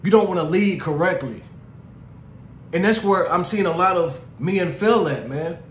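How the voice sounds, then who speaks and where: A man's voice: sits high, moderate pace. A young man with a slightly raised voice speaks earnestly and casually, filling his talk with "man" and "you know". The room has a noticeable echo, and a faint hum of ambience sits underneath. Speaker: podcast host. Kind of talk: casual monologue on relationships.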